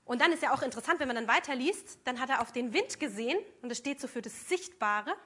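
Woman giving an earnest sermon, high bright voice, talks right to the congregation. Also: animated, fast, husky. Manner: earnest, emphatic, addresses the congregation directly. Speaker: preacher.

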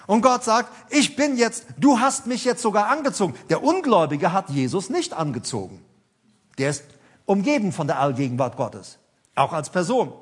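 A man in his sixties with a notably high voice delivers a sermon. He talks to the congregation as if chatting, then builds to emphatic, insistent peaks. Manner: conversational preaching, addresses listeners directly, rising emphasis. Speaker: preacher.

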